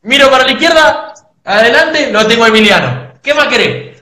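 High, bright-voiced joking Uruguayan man. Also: expressive, a little fast, reverberant. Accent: Uruguayan Spanish. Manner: jokey, boastful storyteller. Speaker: guest footballer. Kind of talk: casual live-stream interview.

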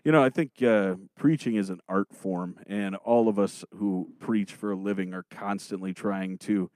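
Male pastor co-host, deep low voice, steady delivery, dry close mic. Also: normal speed, dry recording. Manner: steady, varies loudness more than pitch. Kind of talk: casual podcast chat.

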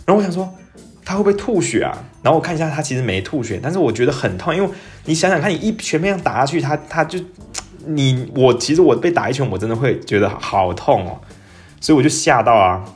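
A young man, telling a personal story in a casual, animated podcast monologue and dropping English phrases into his talk. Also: fast, soft background music. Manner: animated, jumps up in pitch when excited, mixes in English phrases. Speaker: podcast host.

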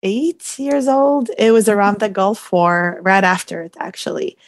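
A woman's voice: medium pitch, expressive, a little slow. Thoughtful woman in her thirties from Iraq. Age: 30s. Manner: reflective, with frequent fillers. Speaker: podcast guest, nutritionist. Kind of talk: casual interview talk.

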